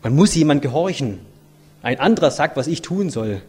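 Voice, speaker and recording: A man's voice: a little high, lively intonation, normal speed, a little mellow, husky. A man giving an earnest, reflective sermon, asking his listeners many rhetorical questions. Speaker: lay preacher. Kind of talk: sermon with a read-aloud story.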